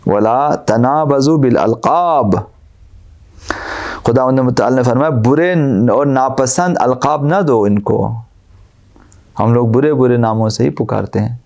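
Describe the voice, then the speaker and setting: A male cleric delivering a religious lecture in a gravelly, mellow voice. He recites Arabic verses, then explains them with plain, repetitive examples. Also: medium pitch. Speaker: Islamic cleric.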